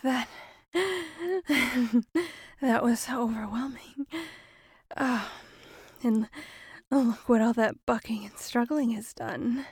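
Woman playing a breathy, high-voiced female shapeshifting monster. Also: no echo, studio quality, exaggerated voice. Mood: teasing, predatory. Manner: slow, halting, with sighs and drawn-out words. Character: predatory female shapeshifting monster, seductive captor turned panicked prey. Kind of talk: erotic audio role-play, partly whispered.

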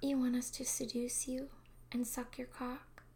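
A woman's voice: sits high, level tone, a little slow, dark tone. A woman voicing a shy younger sister in an adult audio roleplay, whispering hesitantly and breathily.

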